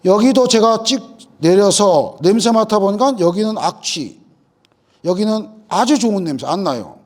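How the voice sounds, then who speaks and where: A man's voice: high voice, expressive, moderate pace, a little mellow. A middle-aged man lecturing farmers in a hall, telling folksy anecdotes and acting out what people said to him. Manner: folksy, tells anecdotes, acts out farmers' lines. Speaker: agricultural lecturer.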